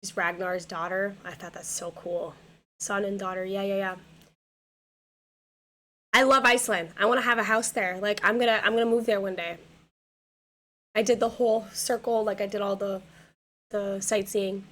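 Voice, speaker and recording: A young woman with a hoarse, worn voice talks to her stream audience at a desk mic in her home gaming room. She rambles casually, repeating words and leaning on fillers as her thoughts tumble out. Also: mid-range voice, steady tone, normal speed, pauses often, fairly bright tone. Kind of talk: casual chat with viewers.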